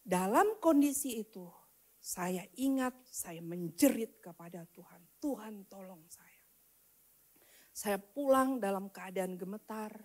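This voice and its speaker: A woman preaching a personal testimony, swinging from loud declarations to hushed whispered prayers. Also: mid-range voice, expressive, unhurried. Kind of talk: testimony sermon.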